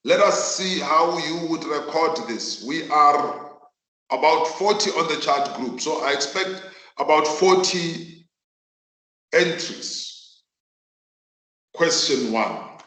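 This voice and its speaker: A South African accounting teacher whose first language is Northern Sotho runs a virtual class, speaking emphatically and deliberately and repeating phrases for effect. His voice sits fairly high with a slightly bright edge, and the room is echoey.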